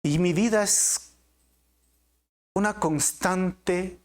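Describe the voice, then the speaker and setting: A man's voice: high-pitched, very slow. A middle-aged man preaching a sermon as pastor, earnest with rising and falling emphasis.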